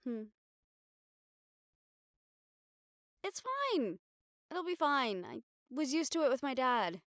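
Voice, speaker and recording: A high-voiced woman plays a young reporter girlfriend in an intimate audio roleplay, fully in character. She sounds wistful yet bravely upbeat, musing in halting, expressive phrases, and the recording is studio quality with no echo.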